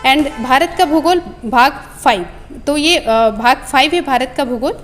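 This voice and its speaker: A woman's voice: high-pitched, normal speed, a bit bright, faint music behind. A woman from a coaching institute walking through study notes one booklet at a time, repeating phrases with frequent hesitations. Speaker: coaching institute staff member. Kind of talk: explaining and listing study material.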